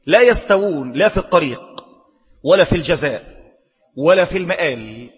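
A man's voice: fairly high pitch, expressive, fairly quick, breathy edge, big-room sound. A man with an Egyptian Arabic accent preaching a sermon, firing rhetorical questions at the listener and moving between formal recitation and colloquial asides.

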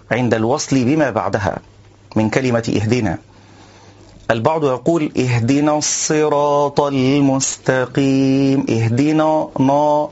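A man of ordinary pitch gives a calm recitation lesson, breaking off to demonstrate sounds slowly and carefully. The recording is somewhat dull and lo-fi. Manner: explains calmly, then recites slowly, stretching words. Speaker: Quran recitation teacher. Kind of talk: instructional lesson with slow recited examples.

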